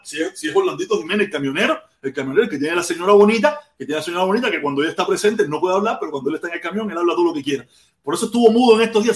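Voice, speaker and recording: Heated Cuban man with high voice. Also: fairly bright tone, roomy sound. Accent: Cuban Spanish. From Cuba. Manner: heated, repeats words in bursts. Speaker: livestream host. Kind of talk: political livestream commentary reading chat.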